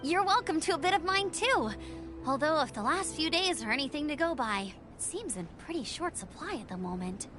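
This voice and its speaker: A woman's voice: high voice, lively intonation, a little fast. A woman voicing a friendly, eager teenage girl in an anime game, with a perky manner. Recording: music behind the voice.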